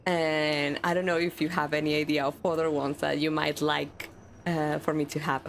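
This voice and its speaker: A woman streamer with a stuffy nose chats casually with viewers while playing a game on a live stream. Her low voice is level and carries vocal fry at a moderate pace, with slight background noise.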